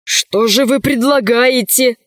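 A woman doing a calm, slow-spoken professor dad. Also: no echo, studio quality. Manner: slow, measured, gently lowered voice. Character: calm, kindly male professor father.

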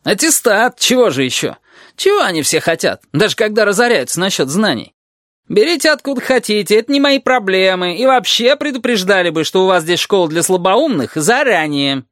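A reader plays a sour, sarcastic male teacher who grumbles on at length and gets more heated. His delivery rises high and swings widely. It is recorded close and dry. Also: animated, fairly quick, a bit bright, no echo, lightly acted. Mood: grumbling. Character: gloomy, sardonic male teacher called the lizard. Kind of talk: audiobook character voice.

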